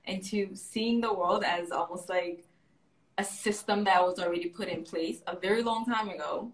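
A Haitian-born woman raised in the American South hosts a podcast, chatting casually in a mid-range voice at a moderate pace. She's enthusiastic and affirming, laughs often, and the audio quality is poor.

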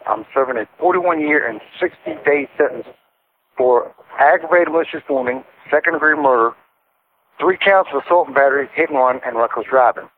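A man speaking as an inmate on a prison phone, talking in a plain, halting way with fillers. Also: medium pitch. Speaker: inmate interviewee. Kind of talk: casual phone conversation. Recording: tinny prison phone line, faint noise.

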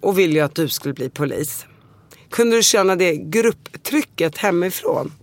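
A male interviewer asks short, direct questions that probe his guest's story. His voice sits somewhat high for a man. The recording is dry and close. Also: expressive, no room sound.

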